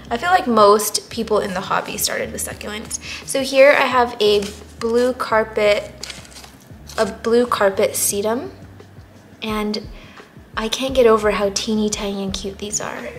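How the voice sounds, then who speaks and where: A young woman plant vlogger chats casually while repotting plants at an indoor table, her medium-pitched voice stuffy, nasal, congested and partly gone. She sounds self-doubting, using many fillers and trailing off into murmured asides.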